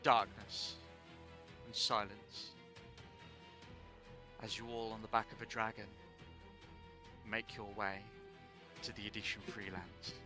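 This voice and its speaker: A man running a tabletop game as dungeon master on a live stream, narrating deliberately and often correcting himself as he goes. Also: lowish voice, flat delivery, over music. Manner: slow, deliberate narration with restarts and self-corrections.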